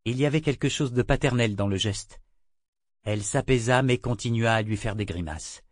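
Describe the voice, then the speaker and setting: A man's voice: mid-range voice, no room sound. Man narrating an audiobook, dry close sound. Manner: measured, even storytelling.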